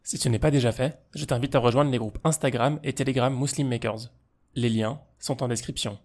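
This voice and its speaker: A man hosting an interview podcast, calm and polite as he welcomes his guest. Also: medium pitch, fairly quick. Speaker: podcast host. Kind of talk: casual interview talk.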